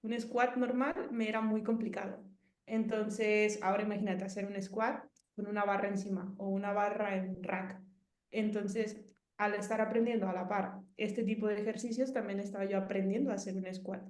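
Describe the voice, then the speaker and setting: In a relaxed testimonial interview, a Mexican-accented woman in her thirties wanders from point to point, piling on fillers and restarting sentences. Her mid-pitched voice is slightly mellow and steady at a normal speed, with a spacious echo around it.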